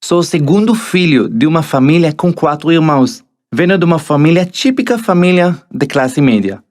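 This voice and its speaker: Here an Israeli man reads aloud from the motivational book he wrote, addressing you directly. He speaks at a moderate pace in a fairly high, animated voice with a darkish tone.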